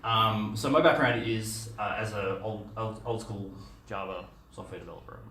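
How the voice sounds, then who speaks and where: A middle-aged man with an Australian accent speaks at a meetup conference talk in a loose, conversational style, with plenty of fillers and restarts. His fairly low voice has a sharp tone, fairly even intonation, and normal speed. A distant camera records him in a dim, echoey room with a projector screen, adding a little hiss or hum.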